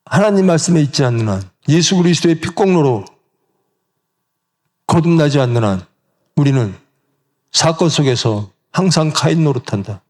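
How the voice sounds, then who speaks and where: A man's voice: on the high side, lively intonation, moderate pace, long pauses, darkish tone. A middle-aged male pastor preaching a sermon in a church, asking the congregation questions and acting out the voices he quotes. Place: church sanctuary.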